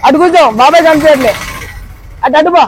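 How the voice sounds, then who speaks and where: Pushy fast-talking Telangana Telugu man. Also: very high-pitched, a little hiss or hum, poor audio. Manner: pushy, insistent, repeats himself. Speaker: prankster. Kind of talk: prank conversation.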